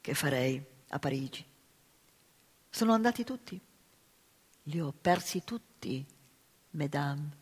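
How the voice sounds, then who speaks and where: A woman reading aloud gives voice to a weary, dignified exiled cook in a storybook reading, speaking quietly and gravely. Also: low voice, animated, takes it slowly, long pauses, exaggerated voice. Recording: reverberant live hall reading.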